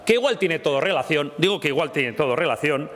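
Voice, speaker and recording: A man's voice: on the high side, animated, fast talker, a bit bright. A man giving a combative parliamentary speech, repeatedly addressing his opponent by name. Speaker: parliamentary spokesman. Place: parliament chamber. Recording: reverberant chamber with murmuring crowd.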